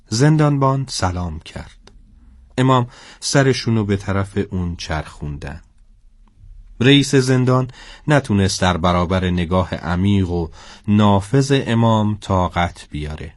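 A man narrating a story in a steady, scripted storybook style. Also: fairly low pitch, pauses often, no room sound, clean studio sound.

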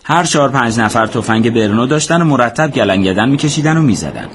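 A man narrating a war story as scripted audiobook narration, in a steady, measured way. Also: mid-range voice, slight background noise.

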